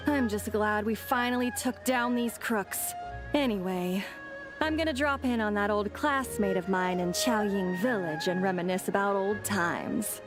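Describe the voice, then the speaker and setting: An actress plays a tired but courteous female officer in a video game. Her fairly high voice carries a dry, wry humour. Music is clearly heard beneath. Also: close to an everyday voice. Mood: relaxed. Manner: polite, dryly humorous.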